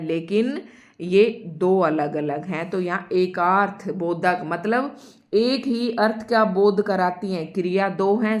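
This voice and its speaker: A woman teaching a Hindi grammar lesson to her students online. She explains each term step by step and repeats her example sentences slowly, speaking straight to the learners. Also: on the low side. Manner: addresses students directly.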